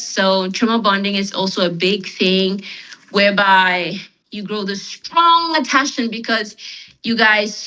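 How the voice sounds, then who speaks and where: A woman with a South African accent explains things as a podcast guest, leaning on "like" as she goes. Her voice is bright and forceful, sitting at an ordinary middle pitch. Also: poor audio. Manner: explains with frequent "like" fillers. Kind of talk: casual explanatory chat.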